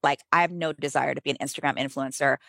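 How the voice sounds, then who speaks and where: A woman's voice: quick pace, vocal fry, no room sound. A middle-aged American woman, a business author, talking casually in an interview with lots of "like" and sudden emphatic rises. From United States. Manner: animated, filler-heavy, emphatic pitch jumps.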